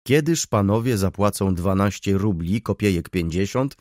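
Male reader as a dry, businesslike older judge; low, clipped. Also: lively intonation, normal speed, darkish tone, no echo. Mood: questioning. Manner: terse, matter-of-fact.

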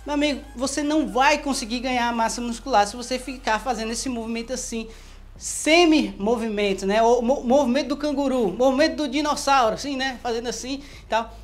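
A woman's voice: fairly high pitch, brisk. A woman giving casual, joking workout instruction as a fitness coach, demonstrating moves as she talks. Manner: playful, joking, demonstrating moves while talking.

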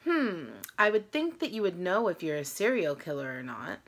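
Tired lady doing a casual home vlog, kinda low and croaky with vocal fry. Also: big pitch swings, moderate pace. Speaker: host of a challenge video. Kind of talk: casual chat vlog to camera. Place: small room at home.

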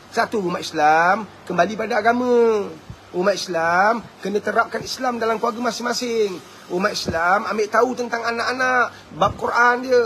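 Malaysian guy in his 50s, super high bright voice, preachy motivational talk that flares into shouting. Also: a little hiss or hum. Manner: fervent, preachy, bursts into shouting. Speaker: motivational speaker and host. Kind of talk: impassioned live talk answering viewer questions.

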